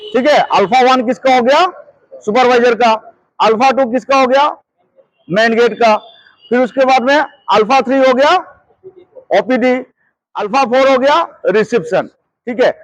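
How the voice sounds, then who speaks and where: In a hands-on instructional lesson, a male security trainer repeats his points and keeps checking that listeners follow. His voice is extremely high, and the rough recording has no room sound.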